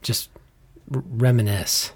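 A man's voice: mid-range voice, steady tone, slow pace, a little mellow, husky. A man with an American accent, co-hosting a podcast in a conversational style. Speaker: podcast co-host.

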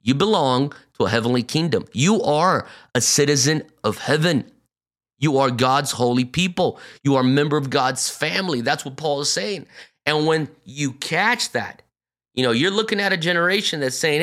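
A man's voice: fairly high pitch, a bit bright. A man in his forties from Brazil, a pastor speaking on a podcast, telling his personal story in an earnest way with many fillers and restarts. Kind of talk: reflective personal testimony.

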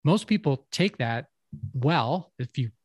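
A man's voice: mid-range voice, expressive, slow pace, breathy edge, dry recording. A man co-hosting a casual talk show, thinking aloud in a reflective way with restarts and fillers. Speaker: podcast co-host. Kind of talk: casual conversational chat.

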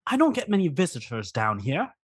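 A man voicing a huge, vain, lonely crab warrior from a tabletop game in a theatrical, coy, self-flattering way. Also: fairly high pitch, a little fast, slight background noise, pitched above the performer's own voice. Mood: wistful.

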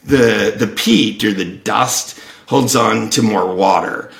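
A man explaining things at length in casual conversation, thoughtful and unhurried in his reasoning. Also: on the low side, creaky, a bit bright. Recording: echoey room.

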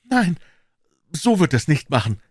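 A man's voice: a little high, very animated, measured pace, breathy edge, no room sound, pitched above the performer's own voice, full character voice. A man voicing an anxious, bitter older woman, a former nanny, in a storybook reading. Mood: bitter, grim.

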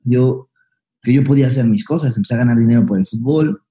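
A young man with a Mexican accent telling his life story as a podcast guest, slangy and lively, acting out old conversations. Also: mid-range voice. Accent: Mexican Spanish. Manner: fast, slangy, acts out past dialogue. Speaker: guest, comedian. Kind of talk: candid storytelling interview.

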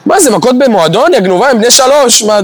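High-voiced man telling stories animatedly. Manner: animated, acts out quoted voices for comedy. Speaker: podcast guest, former preschool teacher. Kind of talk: casual podcast chat.

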